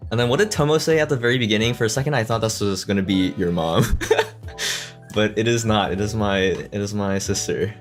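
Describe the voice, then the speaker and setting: A man with a lowish voice talks casually to his viewers as he hosts a stream. He laughs often and trips over his words now and then. Faint music plays behind him. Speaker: streamer host. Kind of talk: casual chat reading fan questions. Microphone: desk mic.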